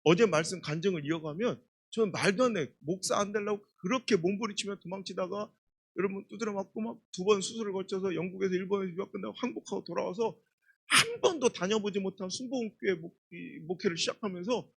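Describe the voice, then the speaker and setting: A middle-aged man preaching a revival sermon, telling stories in an emphatic, animated way. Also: high-pitched, fast, gravelly, husky. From Chungcheong, Korea. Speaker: guest pastor.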